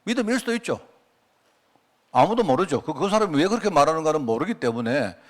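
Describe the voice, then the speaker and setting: A man's voice: fairly high pitch, sing-song, fast. A middle-aged man preaching a sermon as a pastor, chatty and full of rhetorical questions, acting out quoted prayers along the way. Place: church sanctuary.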